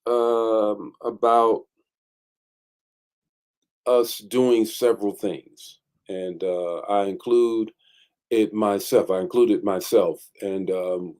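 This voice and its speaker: A man's voice: fairly low pitch, a little mellow. A man hosting an online morning teaching as bishop, greeting viewers by name and talking with many fillers.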